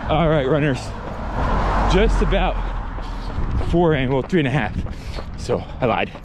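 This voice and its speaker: A man's voice: a little high, lively intonation, measured pace, noisy background. A man talking casually to camera while running, in short broken phrases, as a shoe vlogger. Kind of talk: casual vlog talk to camera. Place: outdoors on a running route.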